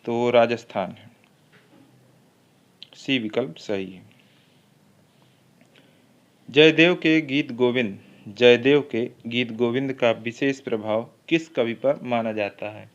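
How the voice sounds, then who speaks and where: A male teacher runs through exam-prep questions, repeating each one before going over the choices. His voice is smooth and clear at a mid pitch. The recording is slightly muffled and lo-fi. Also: takes it slowly, pauses often. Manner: reads each question twice, then the options, then explains. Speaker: Hindi literature teacher.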